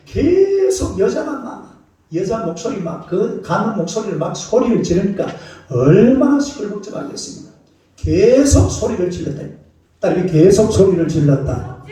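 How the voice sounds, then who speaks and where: Pastor preaching in an echoey hall. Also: male voice, on the high side. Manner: animated preaching, calls out to the congregation. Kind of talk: sermon. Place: church sanctuary. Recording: echoey church hall from a distant mic.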